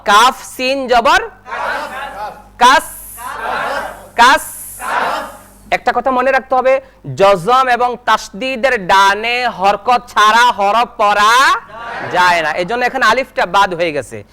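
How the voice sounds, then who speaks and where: A male Quran teacher leading a televised lesson, spelling out Arabic syllables and chanting them slowly for students to repeat. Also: very high-pitched, crowd noise. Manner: slow drawn-out chanting of syllables, brisk instructions in between.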